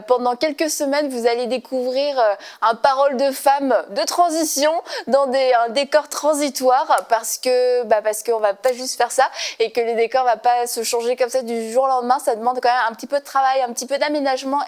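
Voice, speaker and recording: Laughing woman hosting a faith talk show. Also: high-pitched. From born in Korea, raised in France. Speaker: host.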